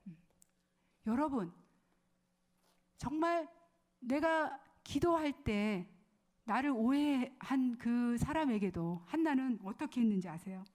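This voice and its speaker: A pastor's wife preaches a sermon at a women's worship service in a rather high voice, speaking slowly with long pauses. She tells stories in a lively way, acts out quotes, poses questions to the audience, and sometimes drops to a whisper.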